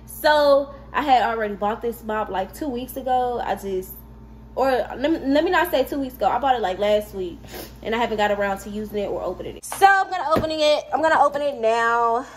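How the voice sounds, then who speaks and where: Young woman, chatty vlog talk, fairly high voice, home noise audible behind, phone recording. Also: lively intonation, fairly quick. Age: young adult. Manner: chatty, talks to viewers as "y'all". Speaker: vlogger. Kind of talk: casual vlog chat. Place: home kitchen, indoors. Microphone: phone camera held by hand.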